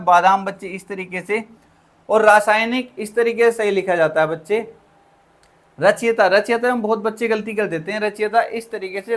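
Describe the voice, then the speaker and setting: Male exam-prep tutor, higher voice, teaches spelling as a drill, repeats words and answers his own questions. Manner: repeats each word, addresses students as children; drills by asking and answering himself. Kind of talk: online spelling lesson.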